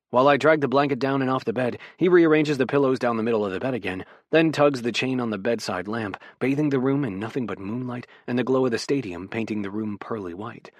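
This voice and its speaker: A man's voice: medium pitch, dry recording, studio quality. Man narrating an intimate audiobook. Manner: intimate, measured storytelling. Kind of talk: first-person romance narration.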